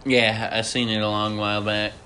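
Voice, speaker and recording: Laid-back, slangy man with a low voice. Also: little pitch movement, normal speed, sharp tone, slight background noise. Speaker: podcast co-host. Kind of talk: casual chat.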